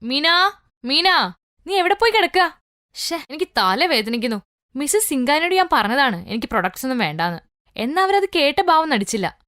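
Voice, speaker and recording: A woman's voice: high-pitched, sing-song, a little fast, a bit bright, dry recording, clean studio sound. A woman voicing a vain, irritable rich young mother in a cartoon story, speaking sharply and bossily. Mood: angry.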